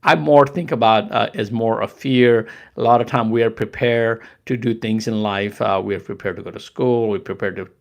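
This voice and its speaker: Halting, gravelly Nepali-accented older man. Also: fairly low pitch, steady tone. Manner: halting, many restarts and fillers. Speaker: live stream host. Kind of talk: casual live stream talk.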